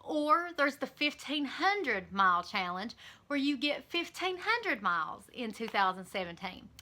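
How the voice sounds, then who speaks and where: A woman's voice: high voice, sing-song, unhurried, bright, forceful tone. A woman with an Eastern Kentucky accent talking casually and candidly to camera in a vlog, with frequent ums and likes. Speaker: vlogger.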